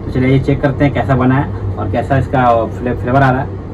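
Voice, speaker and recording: An Indian man hosts a casual hookah tutorial, chatting repetitively and calling his viewers brothers as he demonstrates the setup. His mid-range voice is flat and a little fast. The audio is distant and dull, with background noise.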